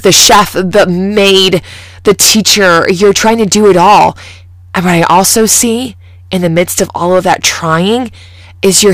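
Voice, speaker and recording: A woman's voice: fairly low pitch, a bit bright, no room sound. A woman in her thirties hosting a podcast as a mom coach, talking earnestly and enthusiastically about faith and motherhood. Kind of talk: scripted podcast intro and personal story.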